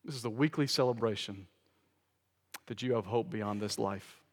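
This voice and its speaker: A man's voice: fairly low pitch, moderate pace, big-room sound. A man preaching a sermon as pastor, emphatic and repeating key phrases for stress, in a church sanctuary.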